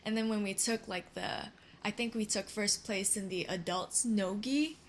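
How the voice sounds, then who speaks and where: A woman's voice: mid-range voice, moderate pace, a little hiss or hum. Young woman from Singapore, chatty guest. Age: young adult. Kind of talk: casual interview.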